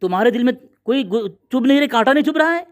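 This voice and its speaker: A very high-pitched man argues in a heated religious debate. He is combative and commanding, orders his opponent to be silent again and again, then reads citations point by point. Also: expressive, quick pace.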